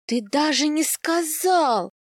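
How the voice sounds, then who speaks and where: A woman plays a spirited young wife in a storybook, her voice lifted, bright and quick to flare up. She coaxes sweetly, then snaps back, and the sound stays dry and close. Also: high voice, expressive, dry recording. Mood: pleading.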